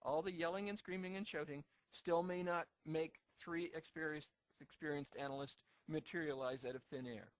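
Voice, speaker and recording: A man's voice: fairly high pitch, fairly even intonation, normal speed, hardly any pauses, no room sound, rough recording. A man teaching a recorded lecture, talking emphatically and often repeating himself to drive a point home. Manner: emphatic, repetitive, acts out short quotes. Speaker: instructor.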